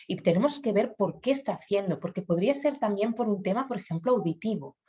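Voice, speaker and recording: A woman's voice: medium pitch, animated, fast, warm tone, lo-fi sound. A woman speech therapist patiently explaining children's speech sounds to parents, acting out the sounds aloud.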